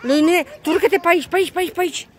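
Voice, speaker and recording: A woman's voice: very high-pitched, slight background noise. A young mother at an outdoor playground, coaxing and cheering on her children, switching between two languages.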